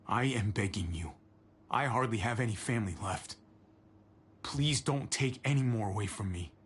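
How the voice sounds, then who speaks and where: An actor playing an anxious, placating younger brother among survivors in a dramatic video game. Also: male voice, lowish voice, normal speed, a little hiss or hum, close to an everyday voice. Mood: alarmed, pleading. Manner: pleading, placating.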